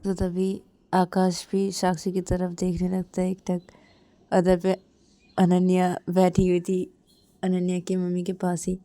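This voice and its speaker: A woman's voice: on the low side, completely flat delivery, measured pace, warm tone, dry recording. A woman telling a story in a casual spoken way, with many linking words.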